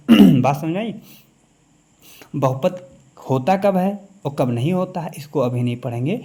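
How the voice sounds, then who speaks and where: A man teaching a maths lecture in a classroom style, who keeps pausing to ask the class quick check questions. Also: mid-range voice, dark tone, slightly rough.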